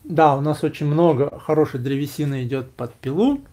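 Speaking from a small, gear-crammed room indoors, this vlog host in his thirties has a mellow, slightly high voice and an animated, brisk delivery. He keeps the casual chat loose, slangy and full of jokes.

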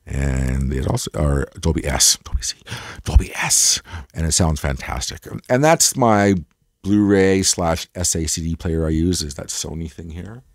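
A man's voice: rumbling low, animated, unhurried, no echo, studio quality. A man with a congested, head-cold voice chatting casually to camera as he hosts a hi-fi gear tour, rambling and enthusiastic. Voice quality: stuffed-up, congested. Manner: rambling, enthusiastic, self-deprecating. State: has a cold. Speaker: host of a hi-fi audio gear tour video.

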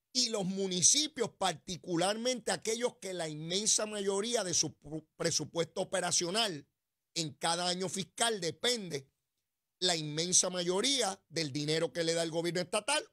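A man's voice: sits high, a bit bright. Sarcastic Puerto Rican political commentator, man. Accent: Puerto Rican Spanish. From Puerto Rico. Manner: sarcastic, mocking, mimics crying whiny voices.

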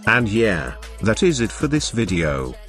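A man's voice: fairly low pitch, sing-song, a little slow, a bit bright, soft background music. Man narrating a science explainer. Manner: plain, informal reading of a prepared script.

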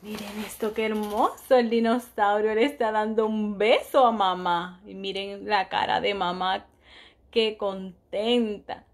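A woman teacher reading a storybook aloud to young children, full of exclamations and questions to them, softening at bedtime. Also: medium pitch, steady tone. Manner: slow and soft at bedtime.

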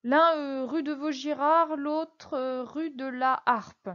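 A woman's voice: sits high, steady tone, takes it slowly, a bit bright, muffled recording. A woman voicing a timid, fawning middle-aged male shopkeeper who stammers anxiously and tries to please.

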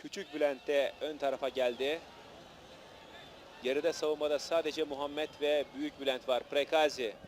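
A man's voice: a little high, fairly even intonation, normal speed. A man giving live television football commentary in short, clipped play-by-play phrases. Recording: noisy old match broadcast, outdoor stadium.

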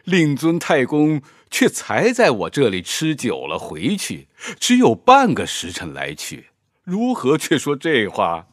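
A man acts out a jovial village innkeeper in an audio drama. He speaks slowly with wide, lively swings of pitch. The sound is dry and close. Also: dry recording. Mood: hearty. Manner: teasing, hearty, slow.

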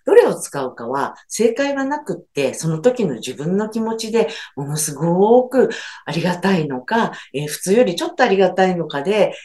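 A woman's voice: fairly low pitch, sing-song, moderate pace, a little mellow. A woman teaching English phrases in a lesson video, switching between her explanations and example phrases in English.

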